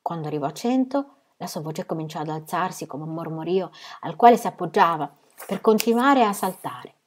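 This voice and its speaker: Woman reading a story out loud, lower pitched, calm even pacing. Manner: steady, measured storytelling. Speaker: reader. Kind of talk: audiobook reading of a novel.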